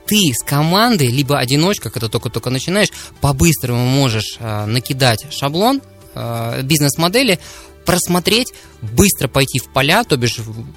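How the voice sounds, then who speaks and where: Male studio guest, average pitch, explanatory interview talk, entrepreneur addressing listeners, light music in background. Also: lively intonation, normal speed, fairly bright tone. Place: radio studio.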